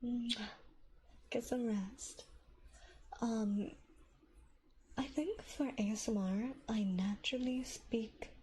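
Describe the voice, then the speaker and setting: A woman hosting a soft-spoken livestream from her apartment on a binaural mic, talking smoothly and quietly, often in a whisper, and chatting in a rambling way. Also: a little high, slow pace, long pauses, poor audio. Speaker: ASMR livestream host. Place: home apartment. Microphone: binaural dummy-head mic.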